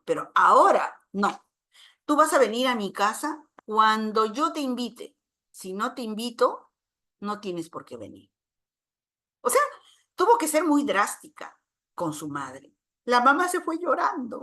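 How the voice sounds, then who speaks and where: A woman's voice: medium pitch, fairly bright tone. A woman with a Latin American Spanish accent giving a conference lecture on family therapy, conversational, often ending points with tag questions and telling personal anecdotes with acted-out dialogue.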